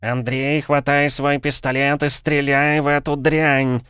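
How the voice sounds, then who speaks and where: A fierce, hot-tempered talking cat that yells and spits out its words, as a male narrator puts him on. The voice is pushed high and loud, with an odd, strained timbre. It comes from a fantasy storybook. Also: fairly even intonation, takes it slowly, clear, resonant tone, no echo, studio quality. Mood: furious. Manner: hissing, yelling. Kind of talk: audiobook character voice.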